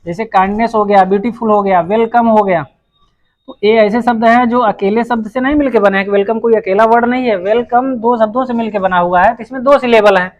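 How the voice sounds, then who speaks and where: A man's voice: sits high, fairly even intonation, fairly quick, muffled recording. Patient male grammar teacher. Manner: patient, repetitive, restarts mid-phrase while writing. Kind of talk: whiteboard lesson explanation.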